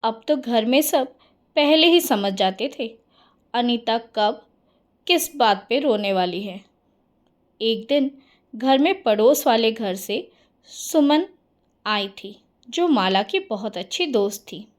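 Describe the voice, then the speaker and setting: A woman narrating a cartoon story in a friendly storyteller's manner. She takes her time, and her voice sits fairly high. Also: expressive, slow pace, pauses often.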